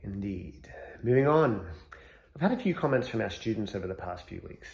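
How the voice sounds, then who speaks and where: A man's voice: on the low side, animated, moderate pace, gravelly, a little mellow. A man who is a senior school chaplain, hosting a comedic chapel interview and asking questions as a dry straight man.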